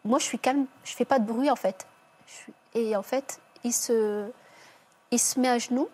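Interviewee, female, husky higher voice; subdued, halting testimony full of restarts. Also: warm tone. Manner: halting, with many restarts and self-corrections. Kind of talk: personal testimony.

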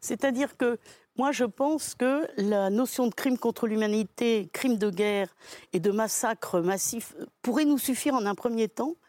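A woman's voice: a little high, unhurried, darkish tone, no echo. A woman guest in a studio debate, speaking emphatically and thinking aloud with frequent restarts. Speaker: guest commentator.

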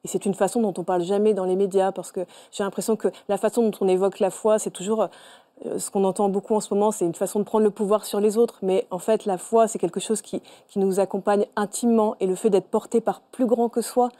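Thoughtful woman guest, hesitant pauses. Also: medium pitch, fairly even intonation, mellow. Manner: thoughtful, hesitant with many fillers. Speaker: author guest. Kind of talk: studio interview.

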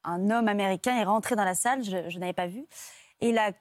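A woman's voice: medium pitch, fast, no room sound, clean studio sound. A woman from France, an actress and stand-in, telling her stories as a talk show guest with many fillers. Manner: lively storytelling with many fillers.

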